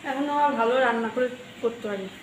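A middle-aged woman with a sore throat, chatting softly to viewers in her home kitchen. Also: fairly high pitch, fast talker, noisy background. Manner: chatty, talks straight to viewers. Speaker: home vlogger. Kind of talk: casual home vlog chat. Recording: echoey home room.

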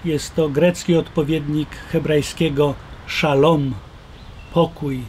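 An older man, a Jesuit priest, explaining calmly and slowly to the camera outdoors. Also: on the high side, slight background noise. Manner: slow, measured, explaining. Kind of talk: calm talk to camera. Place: outdoors by a wooden fence.

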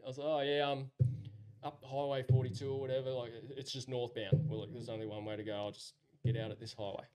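A man with an Australian accent tells a casual story as a podcast guest. His delivery is laid-back and larrikin, full of country slang and chuckling, at a medium pitch. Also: flat delivery, quick pace, dark tone, clear, resonant tone, soft background music. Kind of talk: casual spoken anecdote.

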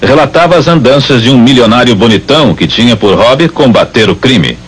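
A man's voice: mid-range voice, lively intonation, fairly quick, slight background noise, low-quality recording. A man giving scripted documentary narration about past times, as the programme's narrator.

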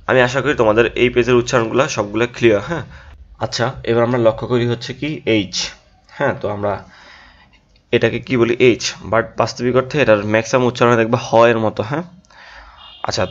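A man teaching an English pronunciation lesson in a casual classroom way. He drills each word aloud and keeps adding a quick "yes". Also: mid-range voice, steady tone. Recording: dull lo-fi recording.

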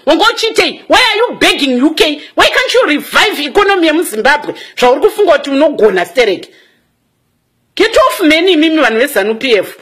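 Fiery Zimbabwean woman, high lively voice. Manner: fiery, scolding, switching between Shona and English. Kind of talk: angry political rant.

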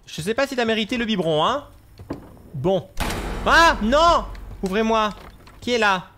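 A man giving excitable gameplay commentary, yelping and gasping at scares and scolding the game's baby. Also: high-pitched, a little slow, slight background noise. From France. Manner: animated, shouts and gasps at scares, scolds the game baby. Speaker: gaming youtuber.

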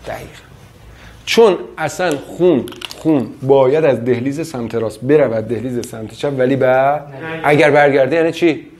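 A man's voice: medium pitch, a little mellow, slight background noise. A man giving a classroom lecture, quizzing his students with frequent questions.

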